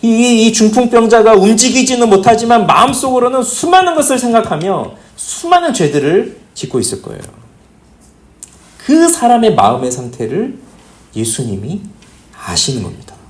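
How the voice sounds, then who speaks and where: Lively preaching man in an echoey hall. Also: normal speed. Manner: questions the congregation often, pitch rising and falling. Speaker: pastor. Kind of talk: sermon. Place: church sanctuary.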